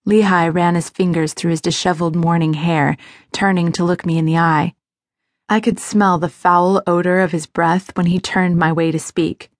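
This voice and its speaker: Low-voiced woman narrating an audiobook. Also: no echo, studio quality. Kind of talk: first-person audiobook narration.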